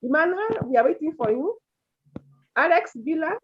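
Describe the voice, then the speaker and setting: Animated high-voiced woman teacher. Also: normal speed, a little hiss or hum. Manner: calls on students by name, repeats their answers. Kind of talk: online class teaching grammar. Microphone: video call. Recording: dull lo-fi video call audio.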